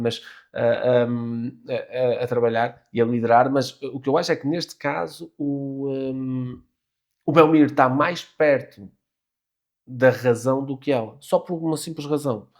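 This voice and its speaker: A middle-aged man from Portugal with a European Portuguese accent, chatting on a podcast. He talks animatedly, restarts his sentences often and swears freely. His voice sits at an ordinary middle pitch. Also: darkish tone. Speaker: podcast guest. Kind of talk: casual chat.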